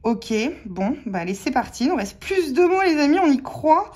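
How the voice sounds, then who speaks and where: A woman's voice: high-pitched, sing-song, moderate pace, darkish tone. A woman with a French accent giving casual, chatty commentary as she scratches lottery tickets, talking to her viewers and spelling out letters one by one. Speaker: scratch-card vlogger.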